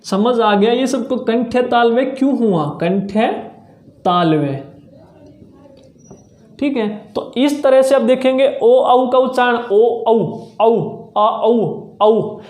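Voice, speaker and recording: A teacher giving an exam-prep grammar lesson, drilling slowly and sounding out each letter aloud to demonstrate. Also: mid-range voice, a little mellow. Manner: slow, repetitive drilling with frequent "ठीक है" checks. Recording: roomy echo.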